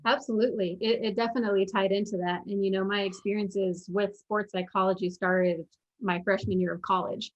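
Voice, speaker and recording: A young adult woman, a former pro basketball player turned mental performance coach, appears as an interview guest. Her mid-range voice stays steady and a little fast as she earnestly tells her story and quotes her own past thoughts, with the highs cut off in the audio.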